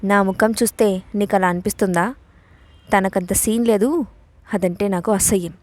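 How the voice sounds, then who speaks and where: A domineering young man in an audio story, sarcastic and cold, handing out curt warnings, as a woman narrator reads him. The voice sits at a middle pitch and sounds close and dry, with no room around it. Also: fairly even intonation, normal speed, darkish tone, no echo, lightly acted.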